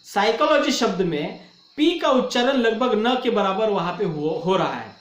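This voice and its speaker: High-voiced man lecturing in an echoey room. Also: expressive. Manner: slow, explanatory, stretches out example words. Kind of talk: recorded lecture.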